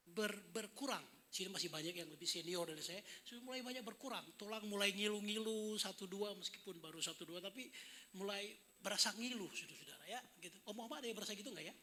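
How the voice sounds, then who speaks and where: Bright-voiced joking preacher man in his fifties. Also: high voice, slight background noise. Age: 50s. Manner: chatty, joking, addresses the congregation often. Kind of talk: sermon. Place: indoor service hall.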